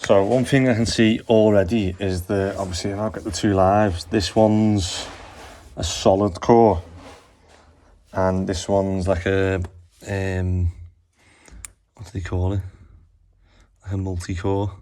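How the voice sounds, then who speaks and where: A chatty tradesman explains his plumbing and wiring repairs step by step while recording on his phone, with "obviously" coming up often. He speaks slowly, and his low, mellow voice has fairly even intonation.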